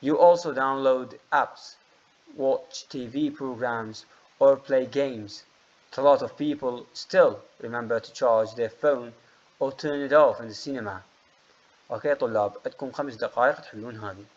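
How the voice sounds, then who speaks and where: A man's voice: mid-range voice, fairly quick, muffled recording. Man teaching English online. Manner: explains grammar rules patiently, calls on students by name. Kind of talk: online class teaching, mixing Arabic and English. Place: online classroom session.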